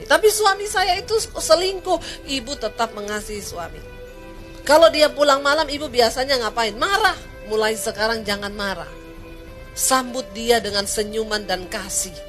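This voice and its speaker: A woman preaching a sermon, telling a story and acting out its dialogue, rising to emphatic peaks. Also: a little high. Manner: lively, acts out dialogue, rises to emphatic peaks.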